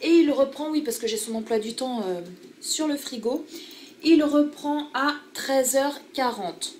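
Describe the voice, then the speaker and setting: A woman's voice: high voice, a little slow, a little mellow, slight background noise. A woman, chatting casually about her family's daily routine in a home vlog. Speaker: family vlogger.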